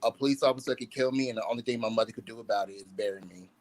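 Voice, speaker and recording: A man's voice: lowish voice, rapid-fire, rough recording. A man in a casual group discussion, talking in a weary, worn-out way.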